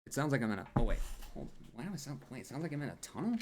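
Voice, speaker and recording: A man's voice: mid-range voice, very animated, rapid-fire, darkish tone. Guy on a stream call, mid-range voice, all echoey like he's in a tunnel, keeps restarting what he's saying. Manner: hesitant, restarts sentences while sorting out tech trouble. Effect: echoing, as if in a tunnel. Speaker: podcast host. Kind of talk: casual livestream chat.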